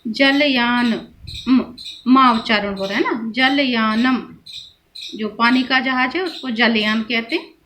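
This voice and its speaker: High-voiced woman teacher, goes slow and patient, repeats every word, faint hiss behind. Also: bright, forceful tone. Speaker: Sanskrit teacher. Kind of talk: explaining vocabulary to schoolchildren.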